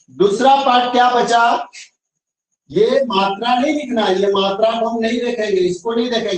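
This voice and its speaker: A man with a high voice teaches an online grammar class, explaining slowly, repeating each step and checking that students follow. He sounds far from the mic, in a very echoey room. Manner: slow, repetitive explaining with frequent check-ins.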